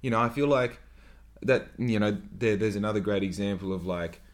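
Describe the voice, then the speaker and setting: A man's voice: on the low side, normal speed. A man in his late twenties hosting a solo podcast, talking in a rambling, profane way full of "like" and loose asides. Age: 20s. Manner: rambling, profane, filler-heavy with frequent "like". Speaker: podcast host.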